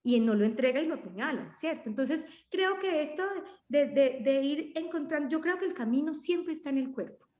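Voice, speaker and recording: Colombian woman in her forties, podcast co-host: talkative, reflective, mid-high voice, roomy recording. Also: expressive, a little fast, darkish tone. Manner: talkative, reflective, many restarts. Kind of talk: casual conversational podcast. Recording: roomy echo.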